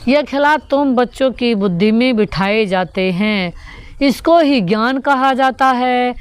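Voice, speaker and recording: A woman with a fairly high, smooth voice speaks at a measured pace, delivering a devotional sermon on the day's spiritual teaching. She repeats each point and poses rhetorical questions to her listeners.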